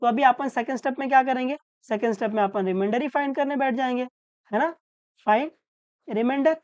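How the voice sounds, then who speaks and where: A woman teaching maths step by step, asking questions and answering them herself, and slowly dictating each formula. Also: high-pitched, darkish tone, dry recording. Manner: asks questions then answers them, often adds "isn't it?". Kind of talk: step-by-step lesson while writing. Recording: dull, muffled sound.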